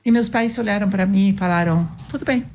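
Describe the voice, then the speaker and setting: Earnest woman guest, low gravelly voice, music faint underneath. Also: quick pace, a little mellow. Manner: earnest, firm, repetitive emphasis. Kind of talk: testimony and advice on a talk show.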